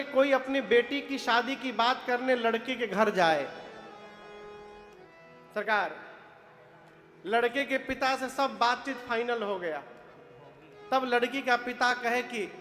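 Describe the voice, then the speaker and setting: Man preacher, very high voice, unhurried delivery, long hall reverb. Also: fairly bright tone. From eastern Uttar Pradesh. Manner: prods the audience with questions and answers, breaks into chanted verses. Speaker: katha preacher. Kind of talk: devotional sermon storytelling. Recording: reverberant hall with faint music.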